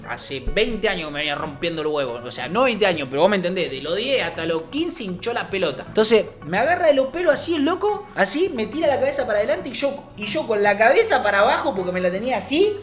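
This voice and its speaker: A man in his thirties with an Argentine Rioplatense accent, telling a story in a crude, animated, swaggering way with sound effects. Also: sits high. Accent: Argentine Rioplatense Spanish. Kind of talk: casual storytelling vlog.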